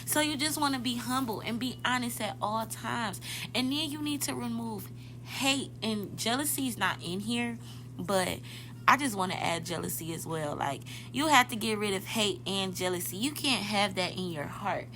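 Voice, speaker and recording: A woman in her twenties with a fairly high pitch speaks at normal speed on her casual motivational podcast, chatting right to her listeners and often correcting herself mid-thought. Background noise is audible.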